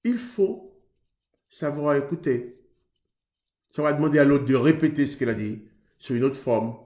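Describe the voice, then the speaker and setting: A man's voice: mid-range voice, normal speed, warm tone, echoey room. A man from Haiti preaching earnestly on marriage, in a conversational way that acts out both sides of a couple's exchange. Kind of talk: sermon on marriage.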